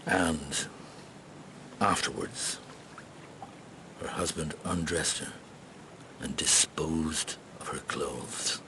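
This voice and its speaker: An actor in a radio drama playing an avuncular, world-weary middle-aged police inspector who speaks in a measured, halting way. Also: male voice, a bass voice, steady tone, sharp tone, slight background noise, exaggerated voice. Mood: grim, deliberate.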